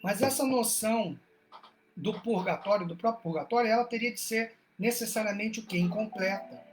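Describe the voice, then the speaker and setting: A woman's voice: mid-range voice, normal speed, soft background music. A woman with a Brazilian Portuguese accent giving an explanatory talk to a spiritist study group over a livestream, asking many rhetorical questions and checking in with "né?". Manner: asks rhetorical questions, frequent "né?". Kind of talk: explanatory talk on a religious text. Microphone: online livestream.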